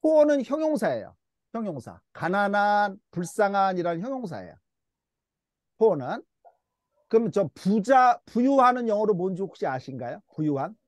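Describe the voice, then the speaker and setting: A man leads a church English lesson on the Bible at a moderate pace, his high, lively voice elongating words so the class can echo them back. Patient and coaxing, he's captured in a close, dry recording with no room sound.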